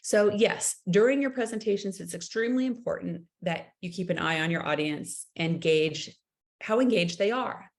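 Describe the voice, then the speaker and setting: A woman instructor giving a recorded training lesson, excitable and playing with her voice inflection, calling her viewers friends. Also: lowish voice, moderate pace. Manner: excitable, uses lively voice inflection; addresses viewers warmly as friends.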